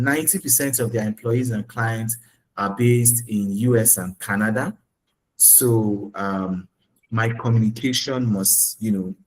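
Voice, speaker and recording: A man's voice: mid-range voice, rough recording. A man with a Nigerian English accent giving career advice on a webinar, speaking emphatically and often checking in with "okay?" and "right?". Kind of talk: coaching talk on a webinar.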